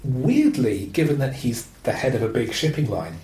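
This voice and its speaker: Animated man hosting a film chat. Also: medium pitch, moderate pace, reverberant, low-quality recording. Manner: rambling, animated, with frequent fillers. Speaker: podcast host. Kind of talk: casual film discussion.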